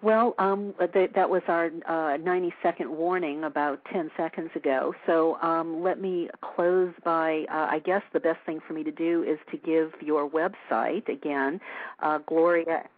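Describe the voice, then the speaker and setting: Low-voiced woman radio host, phone-like sound. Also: steady tone, unhurried, no room sound. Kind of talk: conversational interview hosting. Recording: dry, narrow phone-like sound.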